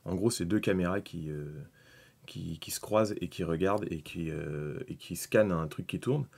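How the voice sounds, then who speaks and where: A man's voice: low-pitched, moderate pace, creaky, a little mellow. A man chatting casually through a live stream about hobby miniatures, thinking aloud, rambling, with many fillers and restarts. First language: French.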